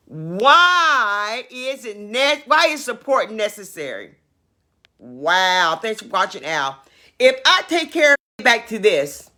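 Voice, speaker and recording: Female livestream host, forceful bright voice, repeats herself for emphasis. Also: mid-range voice. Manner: emphatic, repeats her points, asks questions. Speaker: livestream host reading viewer comments. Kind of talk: casual opinion livestream.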